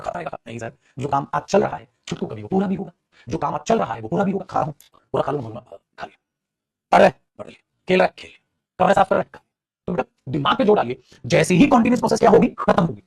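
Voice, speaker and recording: A man running an English grammar class, rattling along at a very fast pace with a high, gravelly voice. He keeps calling his students "beta" and answers his own questions in their voice. A crowd is heard in the background. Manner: acts out students' replies in a lower voice. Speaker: English teacher.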